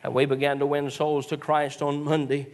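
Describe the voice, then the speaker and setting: A male preacher, telling folksy stories in a sermon and rising into shouted exhortations. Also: a little high, monotone, normal speed. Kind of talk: sermon with storytelling.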